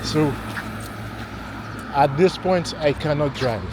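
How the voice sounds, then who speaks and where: Man, slightly high voice, very slow halting talk, walking vlog outdoors, faint street noise. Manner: slow, halting, repeats words. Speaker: vlogger. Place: outdoors on a neighborhood street at night. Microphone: handheld camera mic while walking.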